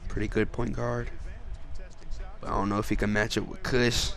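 A man's voice: on the low side, level tone, normal speed, fairly bright tone. Hyped teenage boy narrating gameplay. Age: teens. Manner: hyped, chatty, talks to viewers. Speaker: gamer. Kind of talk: casual gameplay commentary.

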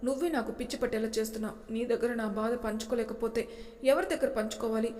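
A woman's voice: a little high, fast talker, darkish tone, reverberant, long reverb tail, lightly acted. Woman voicing a tearful, hurt young wife. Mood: pleading. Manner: pleading, emotional.

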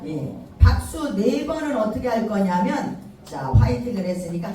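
A high-pitched woman calls out clapping cues and praise to a class of seniors. Her voice bounces around a big hall, heard from a distance. Loud music and a shouting crowd fill the room behind her. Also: moderate pace. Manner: energetic, shouts cues and cheers the group on. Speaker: recreation instructor for a seniors' class. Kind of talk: leading a call-and-response clapping warm-up.

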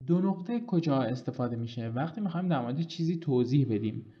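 Male language tutor, mid-pitched, patient and explanatory, slows down for examples; dull lo-fi recording. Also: animated. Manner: patient explaining, reads example sentences slowly and clearly. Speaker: language teacher. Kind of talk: online language lesson.

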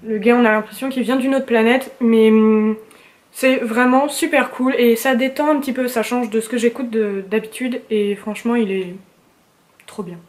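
A young woman chats casually to camera about her favorite things, gushing and full of slang and fillers. Her voice sits a little high. She talks from a room at home. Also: steady tone, normal speed, a little mellow. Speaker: vlogger.

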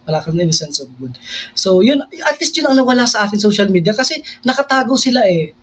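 A man's voice: sits high, very animated, brisk, slight background noise, low-quality recording. A young man, a priest, talking earnestly in an interview and mixing Tagalog with English. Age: young adult. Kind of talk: conversational interview.

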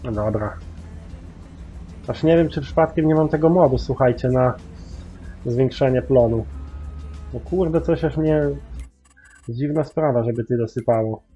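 A man's voice: medium pitch, measured pace, long pauses, dark tone, lo-fi sound, soft background music. A man giving rambling, casual commentary while playing a farming game, full of mild swearing fillers. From Poland. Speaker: gaming YouTuber.

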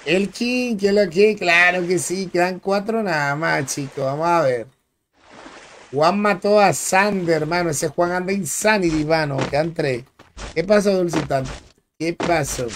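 A man's voice: high-pitched, unhurried, fairly bright tone, slight background noise. A young man with a Dominican Spanish accent streaming a game, casually chatting with viewers in slang and greeting them by name. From Dominican Republic. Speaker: gaming streamer. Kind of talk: live gameplay commentary chatting with viewers.

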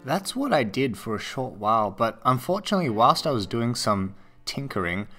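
A man with an Australian accent narrating a scripted voice-over for a build tutorial, in a steady, explanatory way. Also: medium pitch, normal speed, soft background music. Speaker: tech video narrator.

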